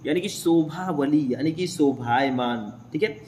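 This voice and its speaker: A man's voice: a little high, measured pace, darkish tone, a little hiss or hum. A young man teaching a class, explaining a poem line by line and often checking in with his listeners.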